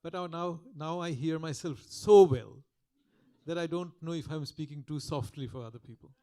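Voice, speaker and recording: An older man from Calcutta, India, gives a public lecture as guest lecturer into a podium microphone, his voice soft and mellow. Reflective, he often restarts sentences, speaking at a moderate pace in a slightly raised, fairly high register.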